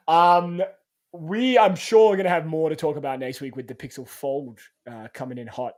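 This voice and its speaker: Man, podcast host, casual chat, high voice, cursing often. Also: normal speed, darkish tone. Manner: swears freely, joking.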